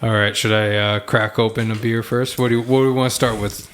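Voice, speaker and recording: A man's voice: fairly low pitch, little pitch movement, a little fast, fairly bright tone, slight background noise. A man co-hosting a casual band podcast, chatting and joking over beers and repeating himself for comic effect. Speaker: band member and podcast co-host.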